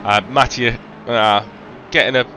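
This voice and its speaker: A man's voice: medium pitch, fairly even intonation, a little slow, bright, forceful tone, slight background noise. Welsh man commentating a sim race. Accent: Welsh, faint. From Wales. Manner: chatty, frequent ums and self-corrections.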